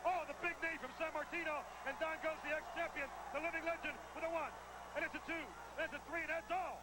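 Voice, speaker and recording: Excitable male wrestling commentator, very high-pitched rapid calls over loud arena noise. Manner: exclamatory, excitable. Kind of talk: excited live play-by-play. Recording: very noisy arena broadcast.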